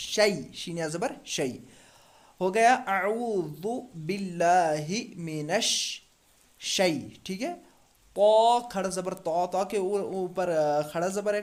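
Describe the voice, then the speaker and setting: Patient man teaching Quran recitation. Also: sits high. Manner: patient, repeats letters and asks the class questions. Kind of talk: step-by-step tajweed lesson.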